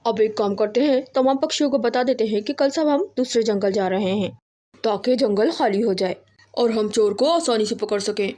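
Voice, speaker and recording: A clever male pigeon in a cartoon story lays out his plan in an earnest, explaining tone, as a woman storyteller voices him. The voice sits fairly high for a man. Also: moderate pace, dark tone, natural voice.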